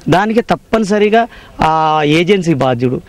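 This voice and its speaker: A male engineer speaks in a deliberate, technical way and sounds aggrieved. His voice is fairly high. The recording is dry and close. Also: expressive, dry recording. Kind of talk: interview statement.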